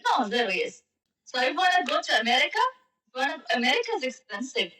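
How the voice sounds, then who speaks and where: Teasing woman with a bright, echoey voice. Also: high-pitched, very animated, fast talker, distant mic. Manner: teasing, joking, playful. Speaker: language exchange chat partner. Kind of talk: casual chat on a live-stream app. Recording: echoey and off-mic.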